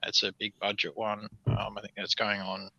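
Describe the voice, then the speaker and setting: Sharp-toned man on a dull line. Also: lowish voice, completely flat delivery, moderate pace, gravelly, husky. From Sydney, Australia. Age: 40s. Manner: casual, hesitant with fillers. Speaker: guest.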